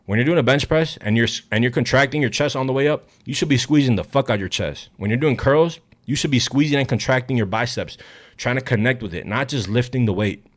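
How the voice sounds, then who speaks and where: A man's voice: medium pitch, fast talker. A young man coaching fitness straight to camera, blunt, hyped and full of swearing, somewhat out of breath. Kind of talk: direct-to-camera fitness vlog.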